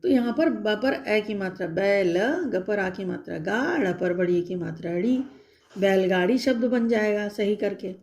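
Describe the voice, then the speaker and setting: A woman teacher giving a slow, patient recorded lesson to young children, spelling out letters and checking in often. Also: mid-range voice, darkish tone.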